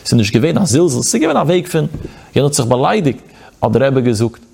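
Teaching Torah with a Yiddish inflection, this rabbi chants in a sing-song study rhythm and mixes in Hebrew quotations. He talks fast at medium pitch with big swings, vocal fry, a darkish tone and a breathy edge.

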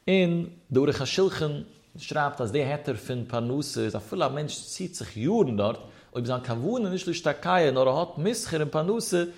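A man's voice: on the high side, animated, normal speed. A man teaching a religious law lesson, citing sources in a rising and falling cadence. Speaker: Torah teacher.

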